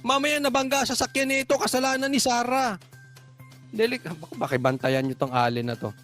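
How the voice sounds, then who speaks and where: A man's voice: very high voice, fairly quick, fairly bright tone, faint music behind. A man giving political reaction commentary, mocking and sarcastic, firing off rhetorical questions.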